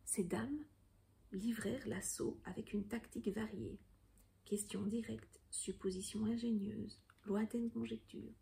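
A woman softly reading a classic novel aloud in a low, whispery voice, a whispered role-play. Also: fairly even intonation, unhurried. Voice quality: whispery, breathy at times. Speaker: ASMR reader.

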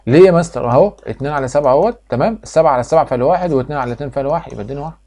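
A man with an Egyptian accent runs through a math review at a very fast pace. His voice sits somewhat high for a man. He quizzes the class, answers his own questions, and drills each step over and over. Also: mellow. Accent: Egyptian Arabic. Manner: repeats steps like a drill. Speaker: math teacher.

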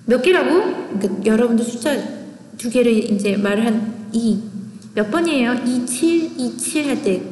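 A woman teaching English pronunciation in an online lecture, chatty and lively, often asking questions and answering them herself. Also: fairly high pitch, moderate pace. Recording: echoey room with long reverb.

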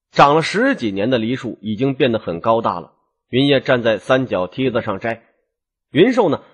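A man narrating a long audiobook novel in a lively, expressive storytelling style. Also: mid-range voice, breathy edge.

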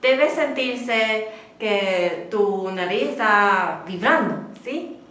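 A woman with a Chinese accent teaching a beginner Mandarin pronunciation lesson in slow, imperfect Spanish, modeling syllables for students to repeat. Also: medium pitch, expressive, fairly bright tone. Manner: slow, patient, with non-native Spanish grammar; models syllables in clear, drawn-out repetitions. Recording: very echoey room.

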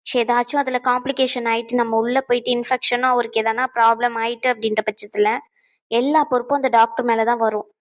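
A woman's voice: a little high, flat delivery, fast, lightly acted, rough recording. A woman voicing a firm female doctor in a cartoon dub who lectures on hospital rules. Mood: lecturing. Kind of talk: cartoon dubbing.

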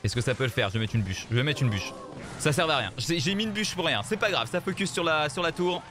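A man streams a mobile card game with fast, high-pitched commentary, cracking jokes and repeating himself. He speaks to his viewers directly, calling them "les gars," in an animated style, as game music plays quietly underneath.

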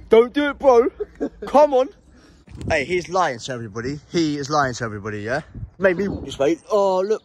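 A young man with a British English accent, vlogging outdoors in the woods on a handheld phone, loud, laddish and jokey. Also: a little high. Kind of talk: casual vlog chat.

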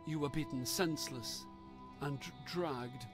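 A man reading a dark gamebook aloud in a slow, measured storytelling manner. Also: mid-range voice, over music. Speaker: narrator.

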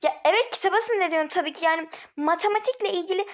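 Woman playing a grumbling teen schoolgirl in a homemade drama, high voice, sighs a lot, stammers when flustered. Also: racing. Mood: annoyed.

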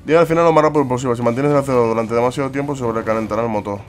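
A young man commentates a video game in a mid-pitched voice. He is excitable and cusses a lot as he plays. Faint game music sits behind him. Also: rapid-fire. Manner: excitable, swears and exclaims often. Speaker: gaming YouTuber. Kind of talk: let's play commentary.

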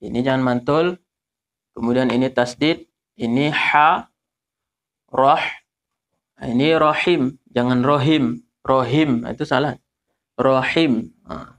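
Speaking at a medium pitch, a man shows how to recite Quran verses correctly. He lingers on each letter sound and repeats it as he demonstrates.

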